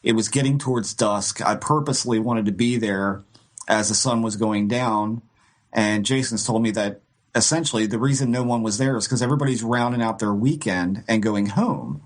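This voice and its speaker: This podcast co-host has a lowish voice and a moderate pace as he recounts a ghost-hunting story. It's a casual, rambling telling, full of restarts and light laughter.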